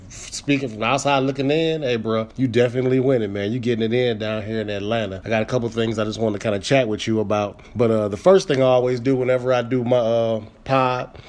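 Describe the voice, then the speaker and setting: A man's voice: on the low side, fairly even intonation, a little fast, hardly any pauses, darkish tone. Laid-back slangy male podcast host. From Midwest US (born Chicago, raised Michigan). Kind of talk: casual interview podcast.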